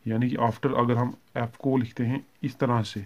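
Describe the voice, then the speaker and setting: A man's voice: mid-range voice, measured pace. A man with a Hindi accent teaching a shorthand lesson, explaining steadily, checking in often and correcting himself, mixing English terms into his Hindi. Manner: steady explaining, frequent "ठीक है" check-ins and self-corrections. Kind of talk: classroom lesson explaining strokes.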